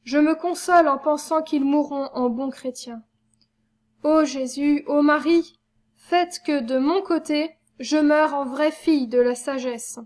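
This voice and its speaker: A woman's voice: sits high, unhurried, a little mellow. A woman voicing a young devout nun, fervent and grieving, with a pleading tone. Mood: prayerful.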